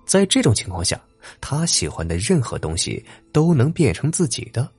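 A man narrating a dramatic story in an expressive voice. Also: normal speed, husky. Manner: expressive, swinging pitch. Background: faint music.

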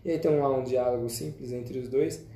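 A man's voice: mid-range voice, fairly even intonation, moderate pace, warm tone, slight background noise. A man casually recapping and explaining a film's plot on a podcast. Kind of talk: casual film discussion. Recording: echoey room.

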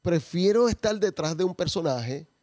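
A man, a comedian talking casually and reflectively with frequent pauses. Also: high voice, animated, darkish tone, dry recording, clean studio sound. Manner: measured, pauses often, reflective. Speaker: comedian and character performer. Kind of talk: casual conversation.

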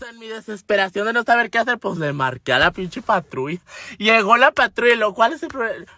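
Mexican guy spinning a wild story, high bright voice, cusses a lot, dry close sound. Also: a little fast, no echo. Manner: animated, swears freely, dramatic retelling with acted-out quotes; refers to himself with feminine forms. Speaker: vlogger. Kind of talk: comic personal storytelling.

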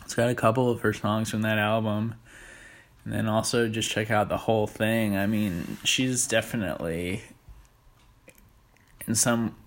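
A man hosting a casual music monologue, rambling with lots of fillers and restarts. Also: fairly low pitch. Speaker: music podcast host.

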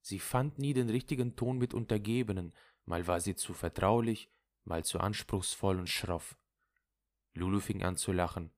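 A man narrating a literary audiobook in a measured, storytelling way. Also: sits low, dry recording, studio quality.

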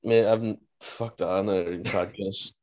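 Quiet low-voiced man from Ireland. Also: steady tone, fast talker. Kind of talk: casual chat.

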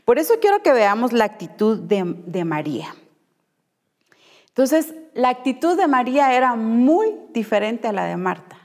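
A woman's voice: a little high, sing-song, moderate pace, a little mellow. A woman preacher giving a sermon, stressing and repeating her key phrases. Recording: long hall reverb.

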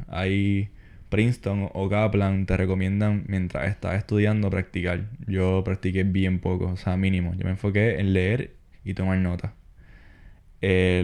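A young man, co-hosting a podcast and calmly explaining his study plan. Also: low voice, smooth. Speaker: podcast co-host. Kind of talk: casual advice chat.

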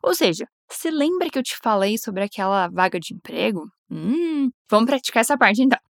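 A Brazilian woman teaching English phrases to Portuguese speakers, repeating lines slowly and then explaining them quickly and encouragingly. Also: a little high, sing-song, vocal fry, no echo, studio quality.

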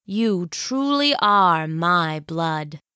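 A woman voicing a shrewd, regal old villainess in armor who speaks slowly and commandingly. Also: fairly low pitch, expressive, pushed and bright, smooth, dry recording, clean studio sound, heavily acted. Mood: gloating. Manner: slow, gloating, commanding.

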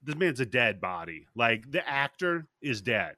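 A male podcast host from Washington State talks through a movie in casual, profane chat, animated as he recounts scenes. His voice is bright, and the sound is dry and close to the mic. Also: mid-range voice, measured pace, no echo.

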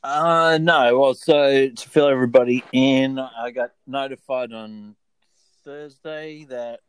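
A man's voice: medium pitch, slow, clear, resonant tone. An Australian man hosting a casual podcast chat in a laid-back, jokey way. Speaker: podcast host.

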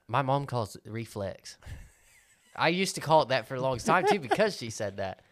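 A man's voice: mid-range voice, big pitch swings, moderate pace, fairly bright tone, dry recording. A man with a rural American hillbilly accent hosting a casual podcast, joking and swearing freely as he chats. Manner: crude, joking, sweary banter. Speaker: podcast host. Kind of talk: casual chat.

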